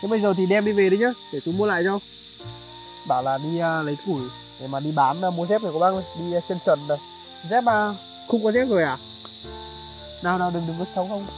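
Man hosting a village charity vlog outdoors, courteous and chatty, soft music underneath. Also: sits high, quick pace, rough recording. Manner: polite, addresses viewers often, many fillers. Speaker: charity vlogger. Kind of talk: vlog narration and chat on location.

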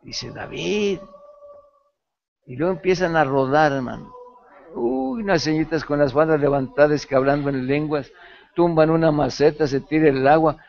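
A man teaching a pastoral ethics class, telling a lively story from his own past with laughter. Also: a little high, moderate pace, gravelly, highs cut off. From Mexico. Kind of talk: sermon-style lecture.

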